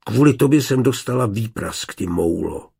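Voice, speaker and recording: A man voicing a proud young village woman, quiet and reproachful, in a storybook reading. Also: mid-range voice, lively intonation, gravelly, breathy edge, exaggerated voice.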